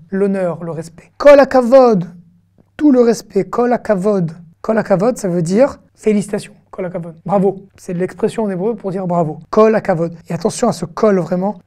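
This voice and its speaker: Mellow-voiced woman teaching patiently. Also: medium pitch. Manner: patient, repeats sounds slowly, checks in with listeners. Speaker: Hebrew teacher. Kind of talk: online language lesson.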